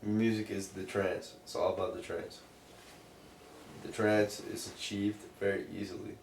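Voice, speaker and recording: Low, creaky male interviewee, loose drunken rambling and swearing, casual chat picked up across an echoey room. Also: little pitch movement, a little slow. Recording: roomy, distant mic, faint noise.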